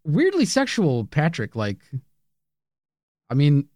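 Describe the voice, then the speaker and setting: A man's voice: on the high side, huge pitch swings, slow pace, darkish tone, dry recording, studio quality. An American man co-hosting a comedy podcast with casual, wordy banter.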